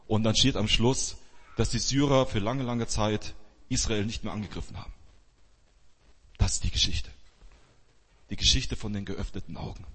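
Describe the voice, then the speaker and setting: Male pastor, husky mid-pitched voice, lively storyteller who plays out the quotes, long church-hall echo. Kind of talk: sermon retelling a Bible story.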